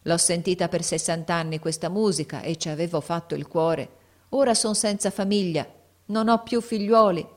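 A woman's voice: fairly low pitch, moderate pace, lightly acted. A woman voicing an old retired male schoolteacher, speaking with sorrow and tenderness in a storybook reading. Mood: sorrowful. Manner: sorrowful, pleading.

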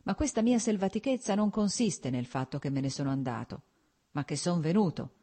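A woman's voice: on the low side, animated, a little fast, warm tone, husky. A woman voicing an earnest, agitated young nobleman in love, in a pleading, urgent voice.

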